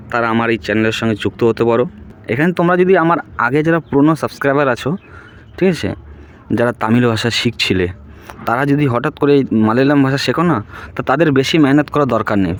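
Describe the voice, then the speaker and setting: A man's voice: medium pitch, a little hiss or hum. Man teaching words with patient repeats. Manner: repeats each word slowly, asks "right?". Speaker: language teacher. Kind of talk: casual spoken lesson.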